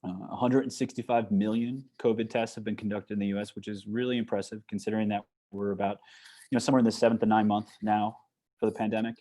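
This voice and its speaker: A man with a thick Long Island accent gives a talk over a video call. His voice sits low and sounds dark and mellow. He talks quickly, and he fills his talk with "um"s and restarts. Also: level tone. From New York. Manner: fast, with fillers and restarts. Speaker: guest speaker, psychologist. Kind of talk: online presentation.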